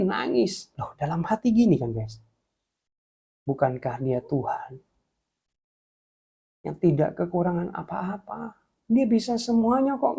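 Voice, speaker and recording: A young man from Jepara, Indonesia, telling a testimony in a sermon, talking to listeners as "guys" and swinging between hushed and excited delivery. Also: fairly high pitch, vocal fry. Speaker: preacher.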